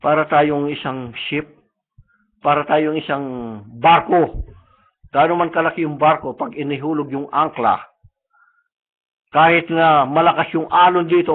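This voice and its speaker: A man's voice: on the high side, breathy edge. A man preaching a sermon in an earnest, fervent way, often restarting his words, heard through tinny live-stream audio.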